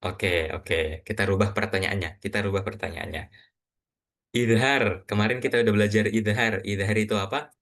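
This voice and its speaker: A man teaching Quran reading to a class, quizzing students and slowly reciting example words. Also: fairly low pitch, fairly bright tone. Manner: patient, asks students questions, models recitation slowly.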